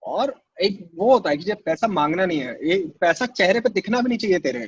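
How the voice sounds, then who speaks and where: A man's voice: high-pitched, animated, a little fast, husky, highs cut off. A man, a guest in a casual interview, telling stories animatedly, acting out quotes and cracking crude jokes. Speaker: assistant director guest. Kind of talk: casual conversation.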